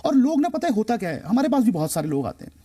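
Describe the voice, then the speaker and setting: A man's voice: extremely high pitch, very animated, rapid-fire, dark tone, breathy edge. A man appearing as a stock market expert on a TV show, explaining emphatically and repeating key phrases for effect. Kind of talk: explaining to a TV host.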